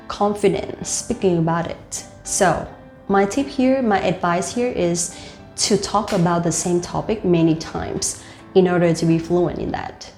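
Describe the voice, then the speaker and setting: A young woman with a Vietnamese accent, her voice medium-pitched and somewhat dark, shares casual speaking tips as a host and life coach. She talks loosely, leaning on lots of "like" fillers. The room sounds spacious, with faint music underneath.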